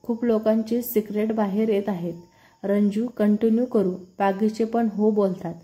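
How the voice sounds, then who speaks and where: A woman's voice: mid-range voice, fairly even intonation, normal speed, mellow, natural voice. Vidya, a woman voicing a chatty teasing friend. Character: lively, curious young woman friend.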